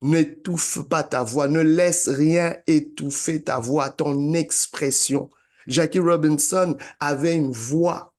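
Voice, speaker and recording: A man's voice: a little high, steady tone, slow, a little mellow. A man giving a motivational sermon-style talk in an emphatic, repetitive preaching cadence. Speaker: motivational speaker.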